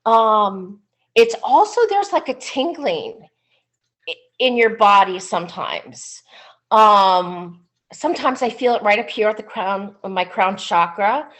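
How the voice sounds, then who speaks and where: A woman speaks at an easy, slow pace as she presents a webinar on a video call. She talks in a chatty way, with many "um"s along the way, like a psychic medium talking to her online audience. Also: mid-range voice, animated. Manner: unhurried, chatty, frequent "um"s, warm enthusiasm. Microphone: computer mic on a video call.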